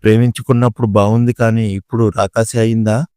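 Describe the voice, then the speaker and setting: A man's voice: fairly low pitch, level tone, fast, mellow, clear, resonant tone, no echo, clean studio sound, natural voice. A man reading as a scheming bride's lawyer. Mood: accusing.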